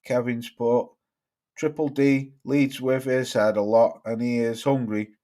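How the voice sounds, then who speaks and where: A man's voice: medium pitch, flat delivery, measured pace, mellow. Male streamer, casual boxing chat host, swears a lot, reads chat comments aloud.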